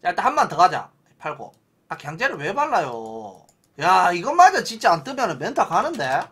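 A man streaming a game live, commentating excitedly, cursing often and shouting countdowns before big attempts. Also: sits high, brisk, husky.

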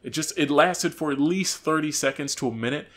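A young man telling a story casually to camera in an expressive, slangy way, acting out reactions. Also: a little high, a little fast. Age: young adult. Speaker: vlogger. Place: small furnished room with couch, indoors. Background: music.

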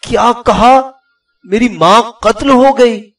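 A man's voice: sits high, close to an everyday voice. A man voicing a fierce young commander. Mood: shocked. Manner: urgent, demanding questions. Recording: distant voice, faint background music.

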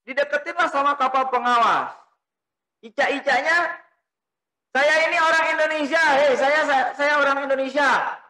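Middle-aged male lecturer, high bright voice, explains point by point with questions to the class, desk mic in a small room. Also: moderate pace, pauses often, low-quality recording. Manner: explanatory, asks and answers his own questions; gestures while talking. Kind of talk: recorded lecture. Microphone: desk mic on stand.

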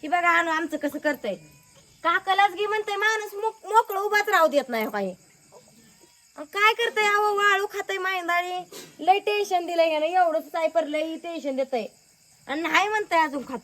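A woman's voice: very high voice, normal speed, sharp tone, a little hiss or hum. A young woman chatting casually in a home vlog, coaxing a toddler with questions. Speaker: village vlogger.

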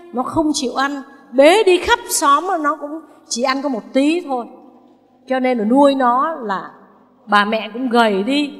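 A Buddhist nun giving a dharma talk, telling a story and asking her listeners questions. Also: high voice. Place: temple hall. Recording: long hall reverb.

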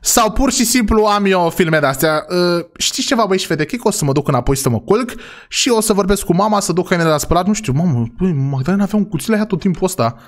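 A man with a high voice gives lively, exclaiming commentary as he plays through a role-play game. He speaks straight to his viewers and often breaks into sudden exclamations. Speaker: gaming channel host.

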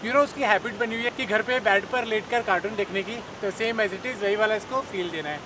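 A man's voice: sits high, a little fast, noisy background. A man in his thirties from India, chatting casually to viewers as a travel vlogger at an outdoor riverside campsite. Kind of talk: casual vlog narration. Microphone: camera mic at a distance. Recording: music bed behind voice.

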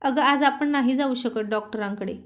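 A woman's voice: high voice, normal speed, natural voice. A woman voicing a playful, affectionate young husband who teases and coaxes his wife in a storybook reading. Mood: teasing. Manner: teasing, coaxing.

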